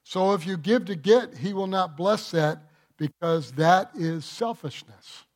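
Rhetorical questions punctuate this church sermon, given with emphasis by a male pastor. His voice sits a bit high, and his pace is relaxed.

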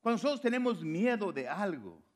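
A man preaching a sermon, repeating phrases for stress and swinging between soft, low lines and loud, high ones. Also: big pitch swings, fairly quick.

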